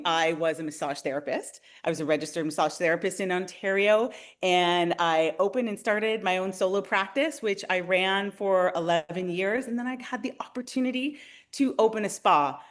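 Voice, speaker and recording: A woman in her forties from Canada, a realtor hosting a webinar, who talks in a friendly, enthusiastic way and speaks straight to her viewers. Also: lowish voice. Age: 40s. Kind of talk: upbeat webinar presentation.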